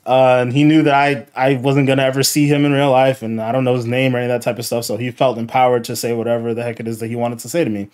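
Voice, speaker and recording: A man's voice: mid-range voice, flat delivery, quick pace, hardly any pauses, darkish tone, smooth. Rambling man in casual podcast chat. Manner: rambling, hesitant, with fillers and restarts. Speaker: podcast co-host.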